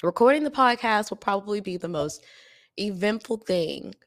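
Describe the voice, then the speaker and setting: A woman hosting a solo podcast, talking in an earnest, confiding way with soft laughs, tired. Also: mid-range voice, animated, moderate pace, no room sound, clean studio sound. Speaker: podcast host. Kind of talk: reflective solo podcast talk.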